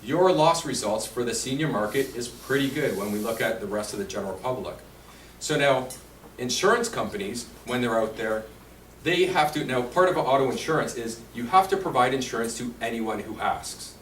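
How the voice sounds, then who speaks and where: A man's voice: medium pitch, animated, normal speed, a bit bright. A man giving a conversational insurance talk to a room, quizzing the audience as he goes. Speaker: insurance presenter. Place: meeting room at a seniors' residence. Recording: roomy, distant, faint hiss.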